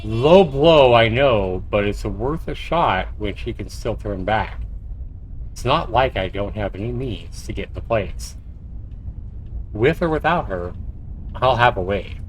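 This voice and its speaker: This streamer, a man playing a visual novel, performs the narration like a storyteller and drops in quick asides, his lowish voice expressive and a little slow. The audio is poor, with faint game music underneath.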